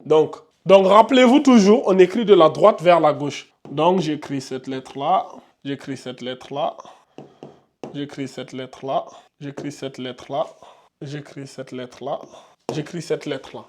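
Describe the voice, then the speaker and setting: Patient teacher, higher-pitched man. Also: measured pace. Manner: repetitive, patient, thinks aloud with fillers. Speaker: Arabic and Quran reading teacher. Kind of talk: online lesson, writing on a board while explaining.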